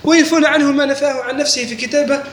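A religious teacher delivers a classroom lesson in an extremely high, very fast voice with fairly even intonation. He keeps pausing to ask his students questions and make sure they follow. The room is echoey, with faint background noise.

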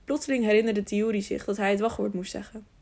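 A woman reading an audiobook aloud, with a gravelly, creaky texture in her voice. She stumbles over words now and then and goes back to correct them. Her pitch sits in the middle for a woman. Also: fairly even intonation, quick pace, darkish tone. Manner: frequent slips and self-corrections. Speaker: audiobook reader. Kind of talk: scripted narration.

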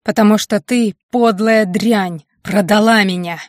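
A woman's voice: mid-range voice, normal speed, no room sound, studio quality, natural voice. A woman reading the lines of an angry, resentful young male werewolf bear in an audiobook, with a scornful, accusing delivery. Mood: furious.

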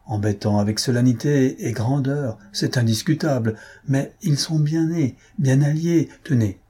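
A man playing a sardonic young gentleman. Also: medium pitch, a little slow, slightly rough, pitched above the performer's own voice. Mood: mocking. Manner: sardonic, dry. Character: mocking, sharp-witted young gentleman.

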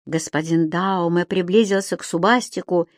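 A woman's voice: on the low side, steady tone, normal speed, no room sound, clean studio sound. Woman narrating a children's story. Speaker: audiobook narrator.

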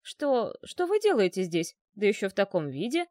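A woman's voice: mid-range voice, huge pitch swings, moderate pace, mellow, dry recording, studio quality. A woman voicing a fussy, chattering middle-aged male doctor who talks in a wheedling way.

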